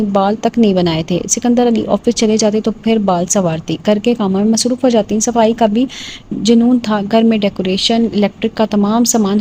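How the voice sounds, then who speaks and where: Female audiobook reader, mid-pitched, even and unhurried, faint background hiss. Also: poor audio. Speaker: novel reader. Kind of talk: reading a novel aloud.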